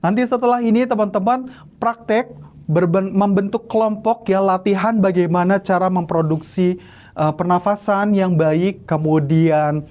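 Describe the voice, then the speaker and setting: Indonesian lecturer, high voice, demonstrative. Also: male voice, moderate pace, lo-fi sound. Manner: demonstrative, repeats examples loudly, frequent "ya" tags. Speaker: university lecturer. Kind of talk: classroom lecture on public speaking.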